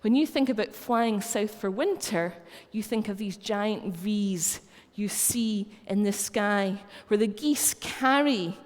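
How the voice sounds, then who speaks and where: A Scottish woman delivers a sermon in a relaxed, conversational manner and works anecdotes in as she goes. Her mid-range voice rings out with the long reverb of a church. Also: mid-range voice, slow, hardly any pauses. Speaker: preacher. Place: church hall.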